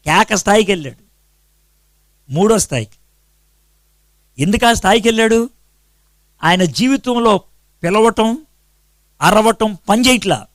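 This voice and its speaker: A man preaching a sermon to a congregation as pastor. He asks his listeners questions, answers them himself, and counts out his points slowly and with emphasis. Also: high-pitched, fairly bright tone, no echo.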